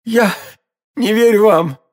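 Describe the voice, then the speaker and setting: A man voicing a dying poisoned soldier who accuses and curses in shrill, wailing cries. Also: takes it slowly. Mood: anguished.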